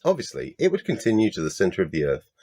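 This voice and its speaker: A man's voice: low voice, huge pitch swings, racing, warm tone, no room sound, clean studio sound. A British man giving a sarcastic, exasperated commentary rebuttal, swearing often. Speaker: YouTube debunking commentator.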